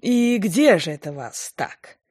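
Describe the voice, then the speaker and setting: Brief: a woman playing a sharp, watchdog secretary, curt and husky. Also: mid-range voice, big pitch swings, slow pace, exaggerated voice. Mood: curt suspicious. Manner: curt, skeptical and condescending. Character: mature woman secretary, suspicious and sharp like a guard dog.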